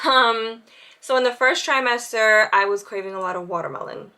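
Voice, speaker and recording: A woman's voice: a little high, moderate pace, pushed and bright. A woman in her thirties chatting casually to camera as a vlogger, laughing often and filling gaps with ums while she does her makeup. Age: 30s. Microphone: camera with side viewfinder.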